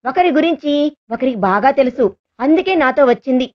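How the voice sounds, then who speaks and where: A soft, reassuring young man, as a woman storyteller reads him in a high voice. He speaks in a gentle, caring tone over a dull, lo-fi recording. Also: animated, moderate pace. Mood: earnest. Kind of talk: read-aloud story dialogue.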